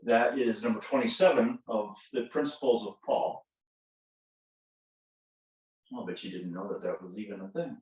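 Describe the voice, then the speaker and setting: A man's voice: fairly low pitch, moderate pace, long pauses, darkish tone, distant mic. A man in his fifties guiding a yoga class, self-deprecating and stretching out his cues. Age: 50s. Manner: self-deprecating, chuckles at own jokes. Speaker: yoga instructor. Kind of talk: guided yoga class instruction. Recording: roomy echo, voice from off-mic.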